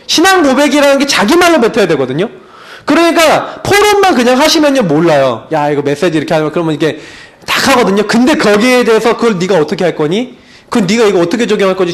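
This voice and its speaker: A middle-aged male pastor preaching a sermon in a conversational way, telling family stories and asking rhetorical questions. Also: sits high.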